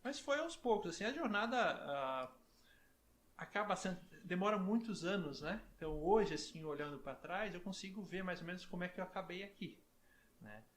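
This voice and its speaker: A middle-aged man from southern Brazil chats easily as an interview guest, tagging his sentences with "né?" and restarting now and then. His voice sits a little high for a man, with a faint hiss of noise behind it. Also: animated, moderate pace. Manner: chatty, with frequent "né?" tags and restarts. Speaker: guest, university professor. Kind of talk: relaxed interview chat.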